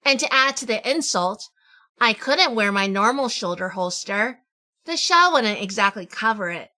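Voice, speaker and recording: Voicing a wry, world-weary detective for a hardboiled noir radio drama, a woman delivers narration and dialogue with dry sarcasm and a fond edge. Her slightly high voice is expressive, bright and forceful at a moderate pace, in a dry recording.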